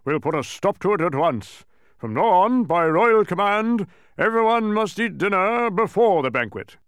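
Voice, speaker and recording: Storybook king, male narrator playing him, regal, blustering, melancholy, with big swings in pitch. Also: sing-song, measured pace, no echo, clean studio sound. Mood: commanding, indignant. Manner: regal, grandiose proclamations.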